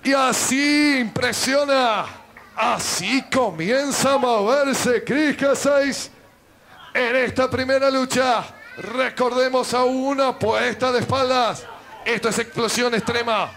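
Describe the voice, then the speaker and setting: A man with an Argentine accent calling live wrestling as an excited, emphatic play-by-play commentator who repeats his phrases. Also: very high voice. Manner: emphatic, repeats phrases, drawn-out exclamations at big moves. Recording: loud crowd and arena noise. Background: wrestling crowd in small indoor arena.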